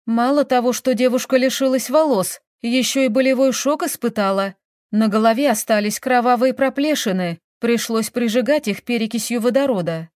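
Expressive woman reading a story. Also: on the high side, no echo, clean studio sound. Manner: expressive reading, voices characters lightly. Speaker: narrator. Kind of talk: scripted narration of a village story.

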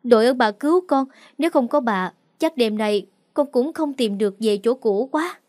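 A woman voicing a quick-witted young servant girl who speaks humbly and pleads. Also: fairly high pitch, animated, a little mellow, no room sound, clean studio sound, natural voice. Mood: pleading.

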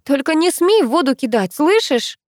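A woman reading an audiobook who voices a sharp-tongued, flustered young woman with raised, exclamatory lines. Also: fairly high pitch, animated, moderate pace, dry recording, clean studio sound, pitched above the performer's own voice, natural voice. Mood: yelling. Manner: loud, mocking, exclamatory.

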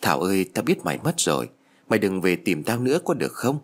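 A man's voice: deep voice, very animated, fast. A man voicing a frightened teenage girl who pleads in a trembling voice. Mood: scared.

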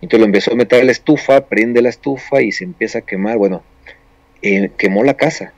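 A man's voice: medium pitch, fairly quick, no room sound. A man casually recounting a story on a paranormal talk show, rambling with many restarts.

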